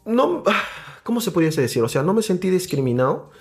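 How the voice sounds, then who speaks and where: Young Peruvian man telling a lively story. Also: high-pitched, a little fast. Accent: Peruvian Spanish. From Peru. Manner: animated storyteller, keeps saying "brother". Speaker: podcast guest. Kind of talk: casual interview storytelling.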